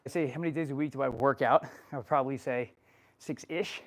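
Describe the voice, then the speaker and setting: A man's voice: medium pitch, quick pace. A man answering live chat questions while working out at home, out of breath, casual and swearing freely. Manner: casual and profane, laughing often. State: out of breath from exercise. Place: home workout space.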